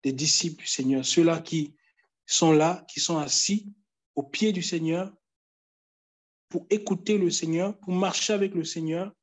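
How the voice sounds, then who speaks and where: A man preaching a sermon, pleading with his listeners and repeating phrases with emphatic pauses. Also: a little high.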